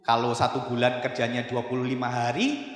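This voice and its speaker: A man's voice: medium pitch, fairly even intonation, brisk, pitched below the performer's own voice, natural voice. A man playing a tired, busy father who snaps sternly at his child. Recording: echoey hall with long reverb.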